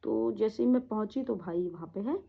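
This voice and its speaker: A woman telling a personal story in a halting, repetitive way, often trailing off, with a grieving tone. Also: medium pitch, creaky. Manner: emotional, grieving tone. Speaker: vlogger. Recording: tinny phone-like audio.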